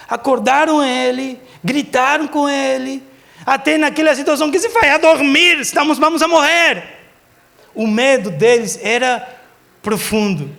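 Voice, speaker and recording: A man's voice: extremely high pitch, vocal fry. A man preaching a sermon in church, telling stories and acting out quotes for laughs. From Argentina. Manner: lively storytelling, acts out quotes for laughs. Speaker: pastor. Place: church service.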